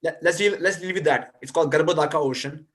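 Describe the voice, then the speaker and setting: A young man joins a video call as a guest speaker, lecturing and fielding audience questions while frequently restarting hesitantly. His voice is on the high side, fast and fairly bright.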